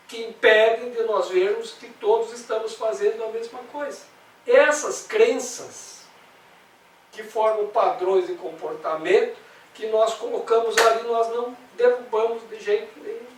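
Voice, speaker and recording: A man with a Brazilian accent leading a spiritual study group, talking conversationally with rhetorical questions. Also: high voice. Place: meeting room. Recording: roomy, distant mic, faint noise.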